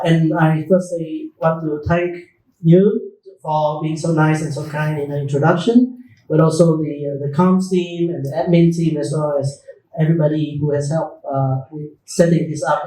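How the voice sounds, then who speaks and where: A man from Vietnam, a company executive, talking in a casual fireside chat at an office event, measured and halting with frequent restarts. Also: a little high, fairly even intonation, warm tone, slight background noise. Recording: roomy echo, mic far off.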